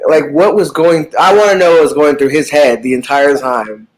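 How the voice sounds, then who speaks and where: Guy freaking out over a horror book, kinda high voice, swears a lot, super animated. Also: moderate pace, rough recording. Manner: animated, swearing, filler-heavy storytelling. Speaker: book discussion participant. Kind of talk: casual live book chat.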